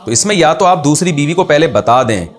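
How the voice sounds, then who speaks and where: A man, an Islamic scholar, answering viewer questions in a conversational, explanatory way, with rhetorical questions and his pitch rising on emphasis. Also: lively intonation, fairly quick, faint music behind. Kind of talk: religious Q&A talk.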